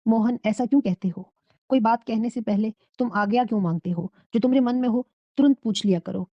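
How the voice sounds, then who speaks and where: A woman voicing a tender, jealous, lovesick female spirit who speaks softly and with longing, in a storybook reading. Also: a little high, no room sound, close to an everyday voice. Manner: tender, longing, speaks with Sanskrit-flavoured words. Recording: dull, dry lo-fi recording.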